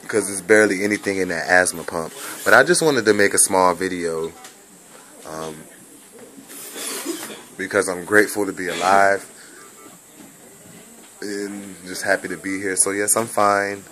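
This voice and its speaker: A young vlogger getting over bronchitis talks from a hospital room, his low voice steady, pushed and bright, with a little hiss or hum in the audio. He speaks with a blended Bahamian, Jamaican and American accent, drifting and repeating himself as he draws out his casual message.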